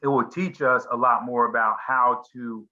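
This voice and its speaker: A middle-aged man leads a casual group chat over a video call, circling his points with plenty of ums and restarts. His voice sits at an ordinary middle pitch. The call audio sounds a little dull and lo-fi. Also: fairly even intonation, normal speed, pushed and bright. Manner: rambling, many fillers and restarts.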